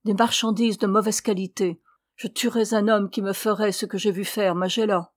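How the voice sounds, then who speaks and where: A woman's voice: medium pitch, steady tone, normal speed, no room sound, close to an everyday voice. An audiobook figure: a desperate, fiercely protective young man, read by a woman narrator. He pleads with urgent passion and his voice swells when he presses a point. The reading is close and dry, with no room sound. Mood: anguished.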